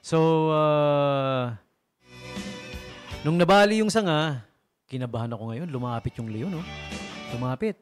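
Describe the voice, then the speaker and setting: A man's voice: a little high, measured pace, long pauses, over music. A man from the Philippines working as a radio DJ, telling jokes in a chatty way and laughing at his own punchlines. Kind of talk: joking radio talk. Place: radio studio.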